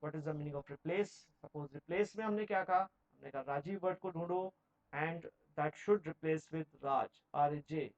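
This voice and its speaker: A man with a fairly high voice teaches a software lesson, talking through each click step by step and switching between Hindi and English. The recording sounds dull and lo-fi. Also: slow pace. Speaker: computer teacher. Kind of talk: screen-recorded software tutorial.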